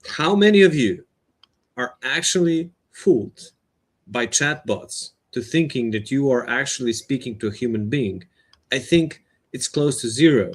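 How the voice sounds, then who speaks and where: A man co-hosting a podcast, thinking aloud in casual chat with a thoughtful, hesitant delivery. His voice is mid-pitched and ordinary. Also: lively intonation, unhurried, slightly rough. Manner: thoughtful, hesitant, many restarts. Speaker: podcast co-host.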